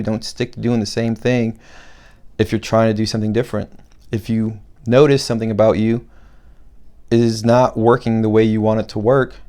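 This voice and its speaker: A man from Buffalo, New York, hosting a podcast and talking in a rambling, casual solo monologue. He deliberately slows his speech, with frequent restarts. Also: on the low side, dark tone, clear, resonant tone. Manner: talks slowly on purpose, rambling with restarts. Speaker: podcast host and comedian.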